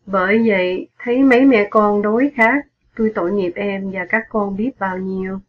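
A woman reading aloud as a poor middle-aged father and ex-soldier, his talk turning to mournful wailing. The voice sits at an ordinary middle pitch. The storybook recording sounds dull and lo-fi. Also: steady tone, moderate pace, lightly acted. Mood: sorrowful.

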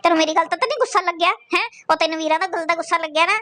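A woman's voice: very high-pitched, racing, sharp tone. A woman roasting someone in crude, mocking, scolding commentary full of profanity.

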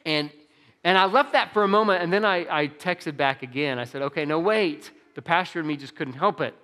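A man's voice: fairly high pitch, brisk, pushed and bright. A young adult male pastor preaching a sermon in a casual, self-deprecating way, with frequent restarts and fillers. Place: church sanctuary. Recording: long reverb of a church hall.

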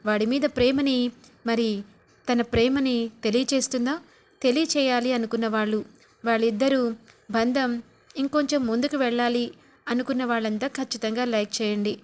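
A woman hosts a serial review and retells the episode as a story. She stretches and stresses her words emphatically, in a slightly high voice. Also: steady tone, a little mellow. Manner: drawn-out, emphatic narration.

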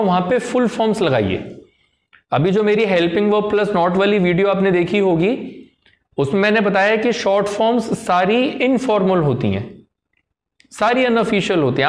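A man teaching an English lesson in Hindi to a class, chatty and repetitive, often checking in with the students. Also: sits high. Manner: chatty, repeats phrases, often checks with "theek hai?". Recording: echoey room.

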